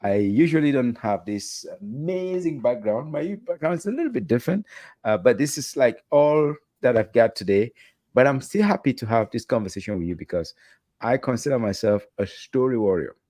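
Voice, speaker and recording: A middle-aged man hosting an interview over a video call from a hotel room, asking questions in an animated, playful way with rising emphasis. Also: medium pitch, moderate pace, no room sound. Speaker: host. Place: hotel room while traveling. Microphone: headset with video call, red foam mic.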